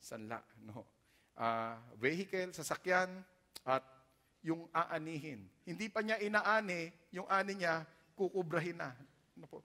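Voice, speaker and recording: A male pastor with a Filipino accent preaching a sermon, mixing Tagalog and English and swinging sharply in loudness for emphasis. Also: a little high, a little slow, long reverb tail. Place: church sanctuary.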